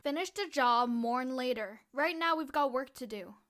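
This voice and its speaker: A woman's voice: sits high, moderate pace, a bit bright. A woman voicing a foul-mouthed, fearless and bossy ten-year-old girl vigilante in a comic book dub, cocky and commanding. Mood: bossy, brash.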